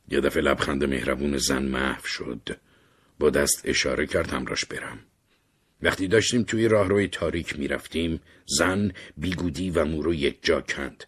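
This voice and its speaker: A man narrating a dark story in the first person, with calm, even scripted storytelling. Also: very deep voice, husky.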